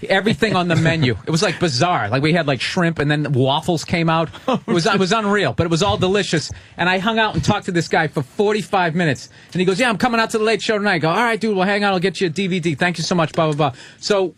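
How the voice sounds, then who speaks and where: Animated comedian man telling a story. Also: sits high, quick pace. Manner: animated storytelling, acting out quoted lines. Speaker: comedian guest on radio talk show. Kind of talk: casual comedic banter.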